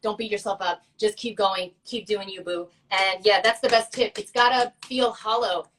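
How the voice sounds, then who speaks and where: A woman's voice: mid-range voice, fairly even intonation, normal speed, fairly bright tone, distant mic, a little hiss or hum, rough recording. A woman co-hosting a casual chat, talking in a chatty, playful way with laughing asides. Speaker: co-host.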